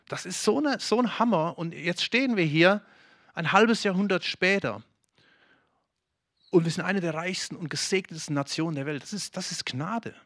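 A man from Germany delivers a lively sermon and talks directly to his listeners. His voice sits a little high for a man. The sound is dry and close, with no room echo. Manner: lively preaching with many restarts and direct address to the congregation. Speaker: pastor.

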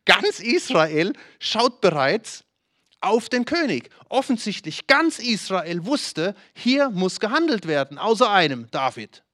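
A man's voice: high voice, big pitch swings, slow, bright, forceful tone, dry recording, clean studio sound. A man preaching a sermon with urgency, challenging listeners directly and acting out the voices of their excuses.

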